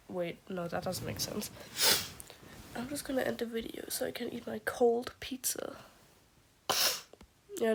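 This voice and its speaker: A woman who is sick and keeps her voice quiet, rambling and gushing about favorite characters in a casual vlog, often dropping into a half-whisper. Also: mid-range voice, a little hiss or hum. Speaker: vlogger. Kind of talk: casual fandom chat.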